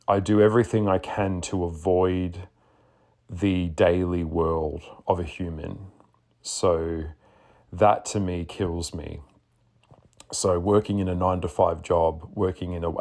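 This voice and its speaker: A man with a deep, husky, just-woken voice, chatting casually as a podcast host in a sassy, blunt way. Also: darkish tone. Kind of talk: casual spoken monologue.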